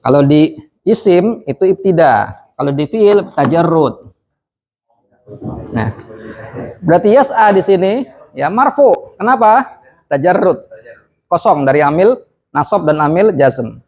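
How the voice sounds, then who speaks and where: A man teaching Arabic grammar in a prayer room, quizzing his students with quick questions and then repeating and explaining each term. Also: on the high side, animated, a little mellow. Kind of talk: classroom lesson.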